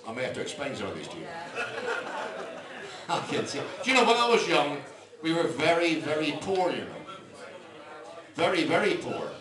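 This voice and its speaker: A man's voice: on the high side, very animated, moderate pace, pauses often. An older man doing stand-up, telling dry one-liners with rambling asides. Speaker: stand-up comedian. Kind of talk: live stand-up jokes. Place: live comedy venue. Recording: echoey club, mic at a distance, loud crowd. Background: audience laughter.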